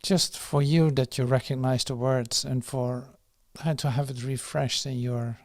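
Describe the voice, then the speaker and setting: A man guiding a meditation and slowly reading a prayer, soft and unhurried, with pauses and fillers. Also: medium pitch, fairly even intonation, no echo, studio quality. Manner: reads the prayer slowly and firmly. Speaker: meditation guide. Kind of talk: guided meditation.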